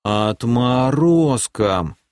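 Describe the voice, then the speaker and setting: A man voicing a simple-minded bald elf brother in an audiobook, who drawls his words slowly like a child. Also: mid-range voice, a little mellow, dry recording, clean studio sound. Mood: tattling. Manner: slow, drawn-out, childlike.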